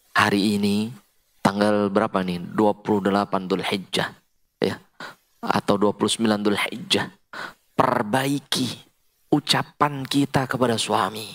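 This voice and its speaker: Animated Indonesian preacher with bright voice. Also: male voice. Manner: lively, swings between low recitation and sudden high emphatic calls; recites Quranic Arabic slowly between Indonesian explanation. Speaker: Islamic preacher. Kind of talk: mosque sermon to women.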